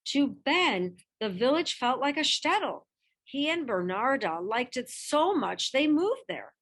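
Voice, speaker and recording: A high-voiced woman performs a picture-book biography as scripted narration, reading with expressive delivery and careful, intentional emphasis.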